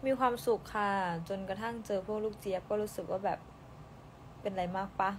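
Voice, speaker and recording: A woman's voice: medium pitch, fairly even intonation, a little fast, slight background noise. A young woman hosting a live stream, chatting casually with fans, reading their comments aloud and answering with many fillers and giggles.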